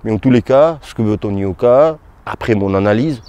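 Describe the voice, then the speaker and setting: A man giving casual, halting boxing commentary straight to his viewers, as if chatting with a friend. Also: fairly low pitch, animated, dark tone, clean tone. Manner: hesitant, halting, talks to viewers as "tu". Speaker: boxing YouTuber.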